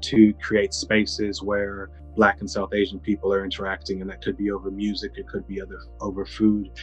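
A man in his thirties from the US Midwest, speaking calmly and thoughtfully in an interview from home on a close webcam. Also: lowish voice, moderate pace, faint music behind, poor audio. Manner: thoughtful, calm, with fillers. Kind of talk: reflective interview. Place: home room indoors.

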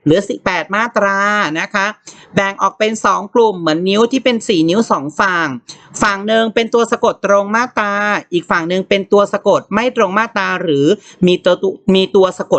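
Woman teacher for an online children's lesson, mid-pitched, gentle and coaxing, dry close-miked sound. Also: no room sound. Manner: gentle and coaxing, reads word lists aloud one by one. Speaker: primary school teacher.

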